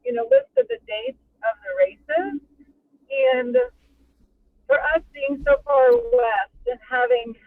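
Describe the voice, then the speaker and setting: A man with a very high, lively voice calls in over the phone from the road. He talks hesitantly, with lots of fillers. The line is tinny and keeps breaking up. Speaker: coach calling into a meeting. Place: on the road while traveling.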